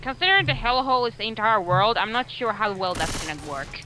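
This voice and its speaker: Mid pitch voice, dry sarcastic jokes while gaming. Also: lively intonation, quick pace, sharp tone, slight background noise, low-quality recording. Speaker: co-player. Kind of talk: casual gaming chat.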